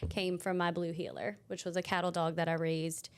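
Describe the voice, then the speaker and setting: A woman's voice: lowish voice, level tone, normal speed. A woman, hosting a podcast interview in an upbeat, enthusiastic, chatty way. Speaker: podcast host. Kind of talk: casual interview chat.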